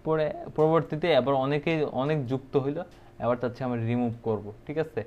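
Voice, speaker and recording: A man's voice: a little high, fast talker, narrow, tinny audio. A man giving a casual programming tutorial, thinking aloud with many fillers and checks. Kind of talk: casual screen-recorded coding tutorial.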